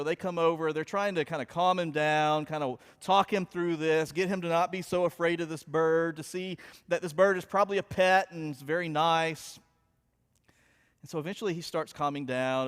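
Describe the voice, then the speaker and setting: Man preaching, chatty storyteller, slightly high voice, long church reverb. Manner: chatty storytelling, animated retelling. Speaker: pastor. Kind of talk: sermon. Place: church sanctuary.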